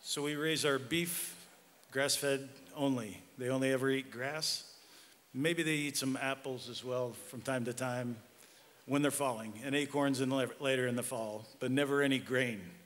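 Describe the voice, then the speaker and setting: A man's voice: medium pitch, a bit bright. An American man giving an informal conference presentation as a guest speaker. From Pennsylvania, United States. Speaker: guest speaker, regenerative livestock farmer. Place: large reverberant hall. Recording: echoey hall with background noise.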